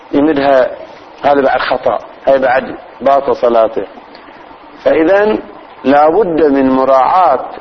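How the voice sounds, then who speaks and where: A man, teaching religious law as a sheikh. He explains slowly, repeats phrases and demonstrates pronunciation. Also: fairly high pitch, highs cut off, a little hiss or hum. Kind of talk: religious lesson.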